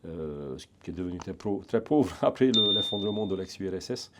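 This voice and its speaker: A middle-aged man from Hungary with a Hungarian accent, speaking French as a second language in a casual interview, halting with many restarts and fillers. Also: low voice, expressive, very noisy. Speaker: guest, security training center founder.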